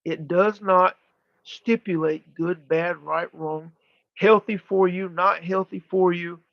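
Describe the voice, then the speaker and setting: A man channeling spiritual teachings like a seance medium, speaking as a guide in deliberate, formal, emphatic phrases with pauses and repetition, on a muffled recording. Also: sits high, steady tone, gravelly, no echo. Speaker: channeler leading a live spiritual session.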